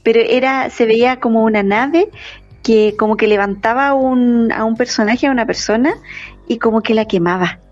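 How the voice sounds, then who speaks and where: A woman's voice: on the high side, moderate pace, muffled recording, faint music behind. A woman co-hosting a casual podcast, responsive and reminiscing. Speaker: podcast co-host.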